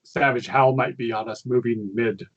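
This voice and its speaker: A man playing a tabletop game, discussing his moves casually in a hesitant, halting way over lo-fi voice chat. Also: mid-range voice, fairly even intonation, slightly rough.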